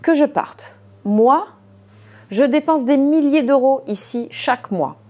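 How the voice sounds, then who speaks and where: Story villain: bullying wealthy man, shouting, scornful, read by a woman narrator. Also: medium pitch, moderate pace, natural voice. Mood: indignant. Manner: shouting, mocking, imperious. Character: arrogant rich man, bullying and loud.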